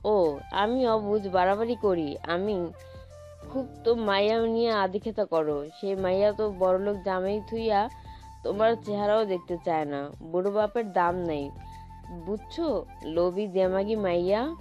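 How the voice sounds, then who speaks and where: A woman's voice: a little mellow, faint music behind, lightly acted. Brief: woman doing a spiteful stepmother, biting and scornful, dull lo-fi audio. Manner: shrill, scornful, slow and biting. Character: spiteful scheming middle-aged stepmother.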